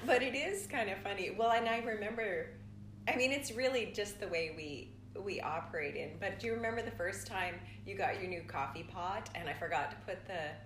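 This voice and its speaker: A woman co-hosting a podcast in casual chat, speaking softly and giggling often. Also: mid-range voice. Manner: slow, giggly, soft-spoken. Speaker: podcast co-host. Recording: echoey room, faint noise.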